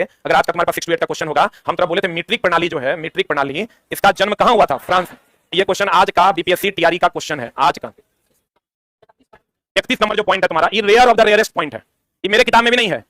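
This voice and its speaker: Rapid-fire male tutor drilling questions. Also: high-pitched, pushed and bright, dry recording. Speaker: teacher. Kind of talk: exam-prep science lesson.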